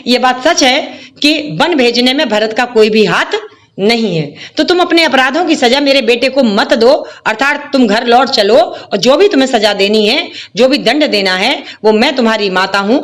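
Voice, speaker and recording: A woman teacher explaining a Hindi poem, reciting verses slowly and then paraphrasing them in plain words. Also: a little high.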